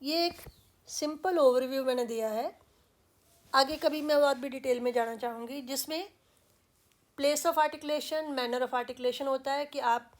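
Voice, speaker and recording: A woman's voice: high-pitched, measured pace. A woman from India with an Indian English accent, teaching English pronunciation patiently and repeating example words with care.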